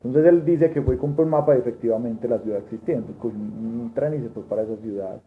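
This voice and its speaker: A man's voice: mid-range voice, quick pace. A man, telling a testimony story in a Bible study class, rambling with restarts and quoted dialogue. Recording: tinny lo-fi room recording with faint noise.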